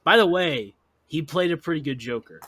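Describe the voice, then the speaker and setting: A man co-hosting a casual gaming podcast, relaxed and thinking aloud, with many fillers. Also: fairly high pitch, normal speed, breathy edge. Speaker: podcast co-host.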